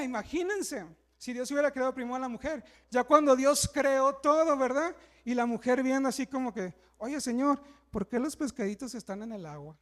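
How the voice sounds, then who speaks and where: A man preaching a sermon in a chatty, joking way, often tagging his points with questions to the congregation. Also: very high-pitched. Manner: joking, chatty preaching with frequent rhetorical tags.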